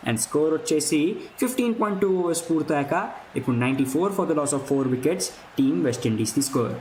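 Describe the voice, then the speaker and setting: Excited high-pitched male cricket commentator. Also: fast talker. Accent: Indian. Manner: excited, mixes Telugu with English phrases. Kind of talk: live play-by-play cricket commentary. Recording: roomy echo, clear background noise.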